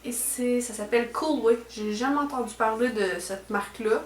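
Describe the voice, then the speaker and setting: A young woman with a Quebec French accent talks her way through a beauty unboxing in a relaxed, rambling way, and her voice sits a bit high. She fills her sentences with little hesitations and trailing tags. The sound bounces around an echoey room at home. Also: moderate pace. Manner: chatty, full of fillers and trailing "là". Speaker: beauty vlogger. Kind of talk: casual unboxing chat. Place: at home indoors.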